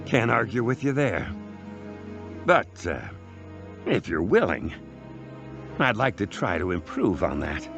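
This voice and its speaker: A man voicing a gruff but soft-hearted cartoon crocodile detective, halting and gravelly. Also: fairly low pitch, sing-song, faint music behind, full character voice. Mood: shy, tender. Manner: halting, stammering.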